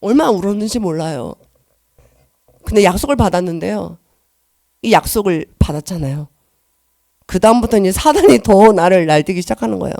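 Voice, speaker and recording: A middle-aged woman giving an emotional church testimony, earnest and shifting between soft and loud. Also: medium pitch, expressive, a little fast, gravelly, long pauses, dry recording, studio quality.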